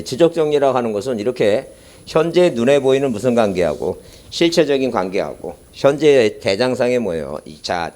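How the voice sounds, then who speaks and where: A man's voice: medium pitch, darkish tone. Guy teaching a prep class through a mask, kinda muffled, keeps asking the room questions. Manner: rambling asides, then quizzing with rhetorical questions. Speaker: lecturer. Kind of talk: recorded exam-prep lecture. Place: academy classroom. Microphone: speaker mic worn behind a face mask.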